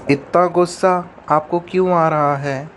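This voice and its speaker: A man voicing a gentle, devoted young wife in an animated story, soothing and pleading with her husband. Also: a little high, unhurried, slight background noise, natural voice.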